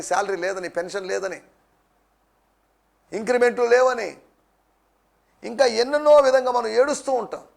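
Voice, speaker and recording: A man's voice: high-pitched, gravelly. A male pastor preaching a sermon with emphatic repetition, slipping into English phrases now and then. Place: church TV program.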